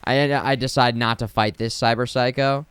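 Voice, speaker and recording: Casual male co-host, giggly rambling chatter, smooth voice, dry booth sound. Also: medium pitch, steady tone, normal speed, a bit bright, no room sound. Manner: laughing, rambling with restarts. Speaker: podcast co-host. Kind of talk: casual chat.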